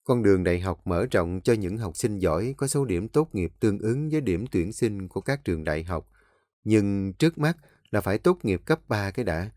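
A man narrating an audiobook in a steady storytelling manner. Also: lowish voice, moderate pace, no echo, clean studio sound.

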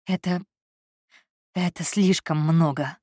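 A woman's voice: sits low, fairly even intonation, slow, dry recording, clean studio sound. Woman doing an agitated, feverish man. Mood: distraught. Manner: complaining, shouting, dramatic. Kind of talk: audiobook character voice.

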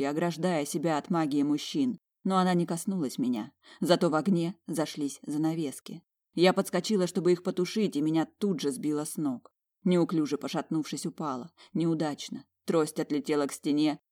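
A woman's voice: low voice, moderate pace, darkish tone. Woman narrating a fantasy audiobook. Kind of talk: first-person fantasy narration.

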